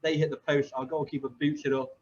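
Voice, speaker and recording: A man's voice: a little high, level tone, fast talker, a little mellow, highs cut off, slight background noise. A man in his twenties, a football coach hosting a podcast, telling stories in a rambling casual way with many fillers. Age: 20s.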